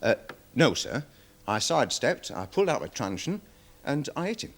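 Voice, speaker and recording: A hesitant, rambling security guard. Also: male voice, mid-range voice, sing-song, normal speed. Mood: worried, defensive. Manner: hesitant, rambling, deferential with frequent fillers. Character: nervous security guard witness, dog handler. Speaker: witness in court. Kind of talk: 1970s television courtroom drama.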